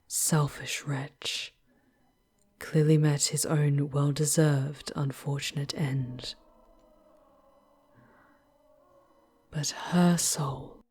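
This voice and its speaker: Her low, level, slightly mellow voice carries a full character performance: a woman playing a charming, tender, sorrowful demon guide in whispered, breathy ASMR. The mood is gentle and reassuring, the phrasing halting and dramatic with long pauses.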